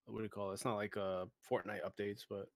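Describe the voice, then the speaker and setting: A man's voice: lowish voice, flat delivery, fast talker, no room sound. A man co-hosting a casual gaming podcast, easygoing, running down the week's topics with fillers. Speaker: podcast co-host.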